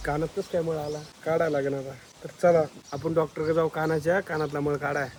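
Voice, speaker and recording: A man's slightly high, slightly mellow voice moves quickly with little pitch variation against slight background noise. In chatty vlog narration shot on a handheld phone, he speaks directly to viewers from a farm and village outdoors.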